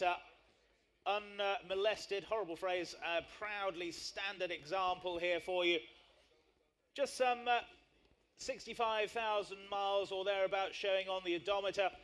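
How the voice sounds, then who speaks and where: A man's voice: high voice, steady tone, unhurried, a bit bright. A man working as an auctioneer, calling a live sale in short, repeated phrases and numbers. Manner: repetitive bid patter with short clipped phrases.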